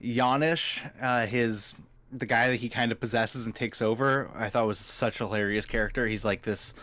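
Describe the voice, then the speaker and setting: Male podcast co-host, casual fan talk, dry recording, ordinary middle pitch. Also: fairly even intonation, moderate pace, a bit bright, no echo. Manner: chatty, rambling fan with sudden pitch jumps. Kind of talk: casual movie podcast chat.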